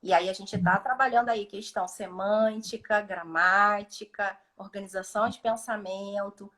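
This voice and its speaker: A woman's voice: medium pitch, steady tone, moderate pace, fairly bright tone. A woman speech therapist explaining cognitive activities in a live video call, often acting out short dialogues with patients.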